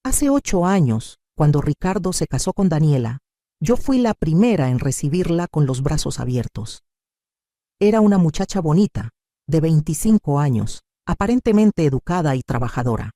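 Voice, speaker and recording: A woman narrates a scripted first-person drama with a warm, mellow tone and a lively voice that rises and falls a lot. Her delivery is emphatic and dramatic, and the sound is close and dry. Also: low voice, normal speed, no echo. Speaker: storyteller.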